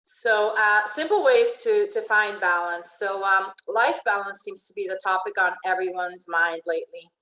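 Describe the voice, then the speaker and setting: Her mid-range voice has a sharp tone, and she keeps a moderate pace with hardly any pauses. Having grown up in Venezuela, this life and relationship coach presents informally online from an echoey room, talking chattily, restarting sentences, and checking in with "right?".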